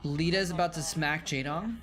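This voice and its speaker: This man, once a game caster and now a streamer, rambles through casual chat while old matches play, reading and answering chat aloud and correcting himself. His voice, worn from hours of talking, is on the high side at a moderate pace, with music in the background.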